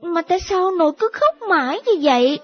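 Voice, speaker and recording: A woman's voice: extremely high pitch, very animated, fairly quick. A woman voicing a playful, pouty young woman, coaxing and wheedling in an audiobook. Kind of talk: audiobook character voice. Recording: dull lo-fi audio with faint music.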